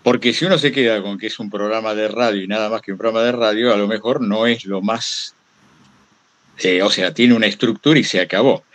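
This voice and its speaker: Speaking a little fast in a fairly low voice, a Buenos Aires Argentine man shares anecdotes during a public talk, wandering off topic and correcting himself. He is a radio host who also appears as an interview guest.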